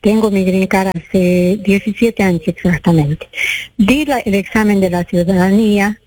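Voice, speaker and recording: A woman's voice: medium pitch, measured pace, a little mellow, a little hiss or hum, low-quality recording. A woman calling in to a radio show to ask a question, speaking hesitantly with frequent fillers. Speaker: caller. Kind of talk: phoning in a question.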